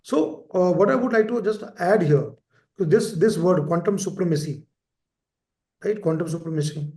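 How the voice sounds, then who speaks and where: High-voiced man lecturing in an echoey room. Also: normal speed, a little mellow. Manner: repeats key terms, asks frequent "right?" checks. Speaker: teacher. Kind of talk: lecture for exam preparation.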